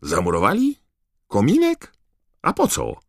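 An excitable, fussy middle-aged wizard father, put on by a man reading an audiobook. His high, eager voice wanders up and down in wonder. The sound is close and dry. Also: no echo. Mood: amazed. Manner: high-pitched, wondering, drawn-out exclamations. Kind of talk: audiobook character voice.

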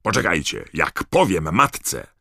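A man voicing an angry middle-aged wizard father who shouts and scolds his sons. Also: lowish voice, wildly swooping pitch, slow, creaky, dry recording, clean studio sound, pitched above the performer's own voice, full character voice. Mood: angry scolding.

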